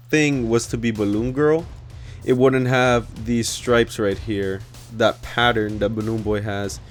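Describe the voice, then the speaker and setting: Male gaming creator, medium-pitched, informal think-aloud commentary with music underneath. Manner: rambling, informal, thinking out loud. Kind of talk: casual screen-recorded commentary. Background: background music.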